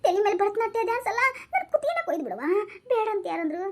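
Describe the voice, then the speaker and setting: A woman doing a scared old village granny, super high squeaky voice, begs and stammers, swoops all over. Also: sing-song, rapid-fire. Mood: pleading. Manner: pleading, stammering, tearful.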